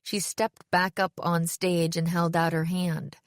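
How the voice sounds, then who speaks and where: A woman's voice: on the low side, little pitch movement, unhurried, no room sound. A woman narrating a first-person audiobook in a wry, self-aware storytelling manner, close to the mic.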